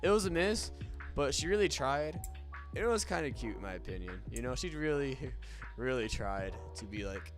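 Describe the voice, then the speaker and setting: A man's voice: mid-range voice, sing-song, normal speed. A young man co-hosting a casual movie review chat, hesitant and full of ums and restarts. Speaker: co-host. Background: lo-fi music.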